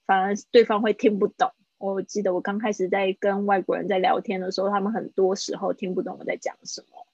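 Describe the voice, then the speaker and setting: A woman English teacher on a livestreamed lesson, chatting casually and repeating example phrases slowly for her students. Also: mid-range voice, breathy edge, no echo, muffled recording.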